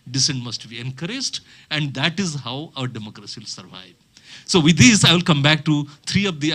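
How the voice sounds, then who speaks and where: A man addresses a round table meeting in a public-speech style. His voice sits at an ordinary middle pitch. He builds his points rhetorically and measuredly, with frequent pauses and restarts. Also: a bit bright, breathy edge.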